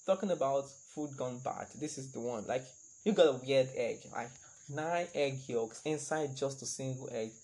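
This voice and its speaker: A man hosts a casual show of weird facts and talks straight to the listener. He teases them to guess the answer and reacts with loud, excitable outbursts. His voice sits in an ordinary middle pitch. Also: normal speed, rough recording. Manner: animated, exclaims and teases the listener. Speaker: podcast host. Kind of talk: casual fact-sharing monologue.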